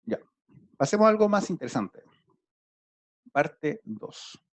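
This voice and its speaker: A man's voice: on the high side, very animated, slow pace, no room sound. A man teaching an online math class, patiently explaining each step to his students over a video call.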